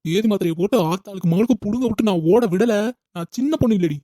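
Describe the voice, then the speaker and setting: A woman's voice: mid-range voice, quick pace, dark tone, dry recording, clean studio sound, lightly acted. A woman voicing a shrewd cartoon housewife who scolds and threatens. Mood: scolding determined. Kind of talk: cartoon comedy voice acting.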